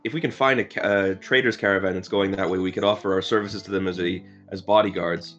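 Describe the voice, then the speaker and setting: A man's voice: deep voice, fairly even intonation, fast talker, fairly bright tone, soft background music. A man playing in a tabletop game, thinking out plans aloud in a casual way. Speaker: player. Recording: dull lo-fi audio.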